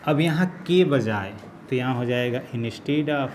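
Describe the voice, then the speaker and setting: A man teaching an English grammar lesson, slowly repeating each phrase as he writes it out. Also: mid-range voice, noisy background. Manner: slow, repeats each phrase while writing.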